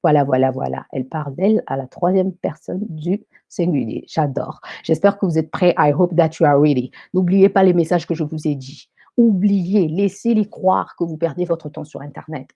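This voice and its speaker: Motivational woman host, mellow and dry. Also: sits low, moderate pace, few pauses, slightly rough, dry recording, highs cut off. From Africa. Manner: emphatic, repetitive, motivational, mixes in English phrases. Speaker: live show host and coach. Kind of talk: live stream monologue. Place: France.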